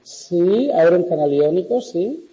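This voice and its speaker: Lecturer in a heavily echoing hall. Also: male voice, high-pitched, sing-song, dark tone, breathy edge. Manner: explanatory, checks understanding with quick questions. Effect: heavy classroom echo. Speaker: university lecturer. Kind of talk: classroom lecture with questions to students. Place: large echoey lecture hall. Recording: muffled echoey hall recording.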